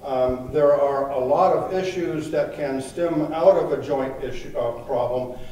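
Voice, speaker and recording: A man's voice: medium pitch, unhurried, mellow, a little hiss or hum. A man in his sixties, a fitness trainer earnestly explaining a workout step by step, recorded in an indoor gym. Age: 60s. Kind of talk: instructional demonstration. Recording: very echoey gym from far off.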